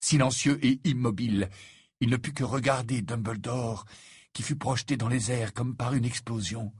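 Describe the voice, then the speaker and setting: Breathy, close male audiobook narrator. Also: medium pitch, fairly even intonation, darkish tone, no room sound. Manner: measured, dramatic reading. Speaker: audiobook reader. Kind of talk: scripted narration.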